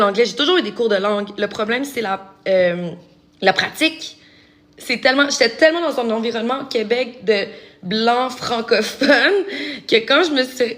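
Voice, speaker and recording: A woman's voice: medium pitch, a bit bright. A young woman from Montreal with a Québécois accent, chatting casually and self-mockingly, with slang and frequent laughs. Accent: Québécois French. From Montreal, Quebec. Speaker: vlogger, real estate broker. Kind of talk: casual chat to camera.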